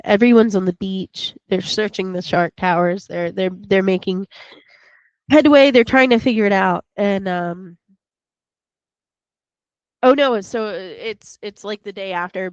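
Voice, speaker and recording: A woman's voice: mid-range voice, no echo, lo-fi sound. A woman co-hosting a podcast, retelling a film casually with many fillers and restarts. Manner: rambling retelling full of fillers and restarts, acting out quotes. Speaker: podcast co-host.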